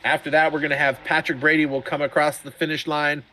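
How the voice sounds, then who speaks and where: A middle-aged man giving chatty, excitable sim racing commentary, often laughing. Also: a little high, fast, slight background noise. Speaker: race commentator.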